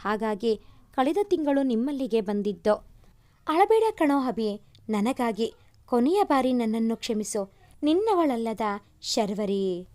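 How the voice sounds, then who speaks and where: A woman voicing a remorseful young woman's farewell letter, read softly and apologetically. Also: a little high, expressive, unhurried, pauses often, dry recording.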